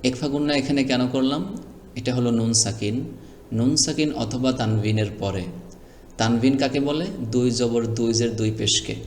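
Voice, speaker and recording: A man's voice: mid-range voice, normal speed, a little hiss or hum. A man teaching Quran reading, spelling out letters and vowel marks one by one and asking the learner to repeat after him. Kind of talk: slow spelled-out recitation lesson. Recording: echoey room with long reverb.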